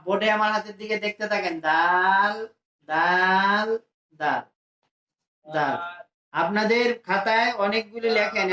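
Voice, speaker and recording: Slow, drawn-out male Quran teacher. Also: high-pitched, bright, forceful tone, echoey room, low-quality recording. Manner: slow, drawn-out letter drills for students to repeat. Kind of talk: adult Quran reading lesson.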